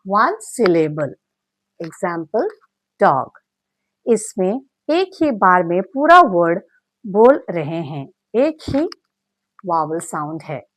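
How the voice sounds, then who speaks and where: A woman teacher explains phonics in an unhurried, carefully paced lesson. Her pitch moves a lot, lifting on each example word as she sounds it out piece by piece. The recording is dry and close, with no room around her. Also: sing-song, no echo. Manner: spells out sounds and syllables slowly, mixing in English words. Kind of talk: slow scripted lesson narration.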